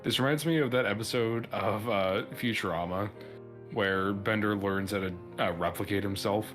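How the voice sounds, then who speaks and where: A man player in a tabletop game, making chatty, amused asides. His voice is very low, and clear music plays under him. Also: moderate pace, fairly bright tone. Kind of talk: casual tabletop chat.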